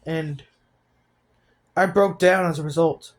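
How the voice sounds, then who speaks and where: An eighteen-year-old man talking about his feelings in a personal vlog, halting and downcast, often restarting his sentences. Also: on the high side, steady tone. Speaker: vlogger.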